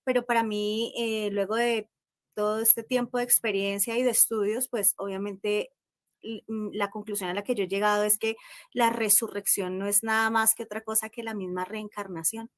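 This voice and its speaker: A Colombian woman speaking as a guest in a live-stream discussion, reflective and measured, with many pauses over a video call. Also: medium pitch, fairly even intonation, dry recording, studio quality. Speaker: panel guest.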